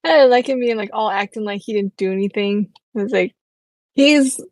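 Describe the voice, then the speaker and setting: A woman co-hosting a casual book-club podcast, giving short replies and quick laughs on a close mic. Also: mid-range voice, darkish tone, no echo. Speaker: podcast co-host.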